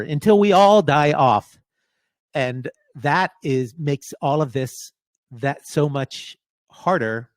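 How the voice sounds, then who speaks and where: A middle-aged man being interviewed as a professor, speaking gravely in halting bursts, restarting phrases as he searches for words. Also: fairly high pitch, no echo. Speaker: guest, professor. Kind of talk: remote interview conversation.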